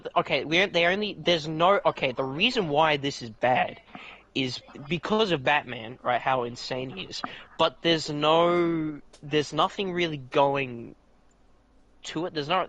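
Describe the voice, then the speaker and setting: A man hosting a podcast, telling a rambling story in casual chat, swearing a lot and restarting his sentences. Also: low-quality recording. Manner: excitable, profane storytelling with restarts; leaps to much higher pitch when outraged. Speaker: podcast host.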